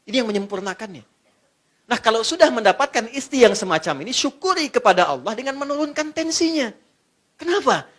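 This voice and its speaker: A middle-aged man preaching a lively sermon to a live audience, asking them questions and joking along the way. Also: very high-pitched. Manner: animated, asks the audience questions and jokes.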